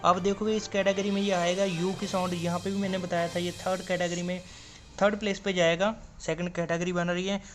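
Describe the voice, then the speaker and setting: Over background music, a stenography teacher with a high, fairly flat voice walks through a lesson step by step at a brisk clip. He stretches out example words and answers his own questions in a classroom-style explanation.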